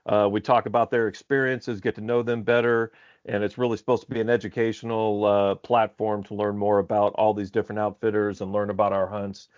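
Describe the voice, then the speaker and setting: A man's voice: fairly low pitch, flat delivery, brisk, darkish tone, dry recording. Upbeat lo-fi podcast host, a man. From Alaska. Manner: upbeat, rambling with fillers. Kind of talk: casual podcast interview. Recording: slightly dull lo-fi audio.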